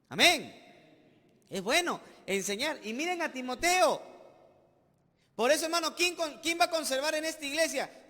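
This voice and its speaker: A Peruvian man preaching from the pulpit in a strikingly high voice. He drives his points with rhetorical questions and sudden loud bursts. The sanctuary gives him a long, ringing reverb. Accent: Peruvian Spanish. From Peru. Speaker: pastor. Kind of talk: sermon. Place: church sanctuary.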